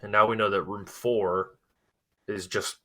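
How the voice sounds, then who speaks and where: A tabletop player chatting casually, lively and quick to laugh. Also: deep voice. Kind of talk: casual play and in-character talk.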